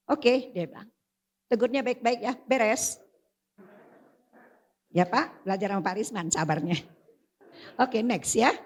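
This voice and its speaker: At a seminar hall, an older woman speaks as a parenting expert, lively and talkative in a slightly high voice, frequently addressing the audience directly.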